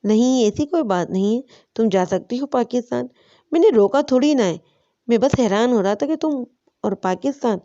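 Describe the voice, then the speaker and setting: A puzzled young man, read by a woman, questioning and bemused. Fairly high and mellow, on a muffled lo-fi track. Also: expressive, no room sound, lightly acted. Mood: surprised. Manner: surprised, questioning.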